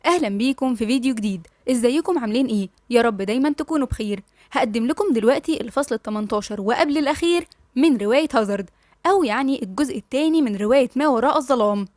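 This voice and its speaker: An Egyptian woman reading a novel aloud in a brisk, friendly manner as host of her story channel. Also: on the high side, expressive, darkish tone, no room sound, clean studio sound.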